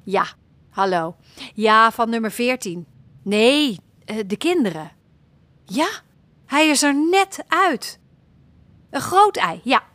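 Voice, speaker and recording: Woman reading as a caring mother, reassuring, calmly in charge, slow, dry close voice. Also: on the high side, no room sound.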